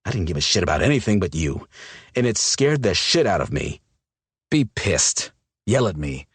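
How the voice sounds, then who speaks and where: A man playing a gruff, tormented werewolf. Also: very animated, a little fast, no echo, full character voice. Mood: intense. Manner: low, tight, intense. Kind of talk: audiobook character voice.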